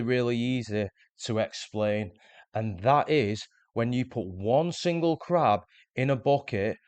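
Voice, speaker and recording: A man's voice: medium pitch, darkish tone, dry recording. Earnest man explaining self-improvement. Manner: earnest, explanatory, repeats words when restarting. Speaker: self-improvement video host. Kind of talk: scripted motivational monologue.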